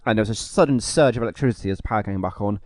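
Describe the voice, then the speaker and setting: A man's voice: fairly low pitch, racing, darkish tone, no echo, clean studio sound. A man co-hosting a podcast, rambling playfully and spinning silly theories in casual chat. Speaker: podcast co-host.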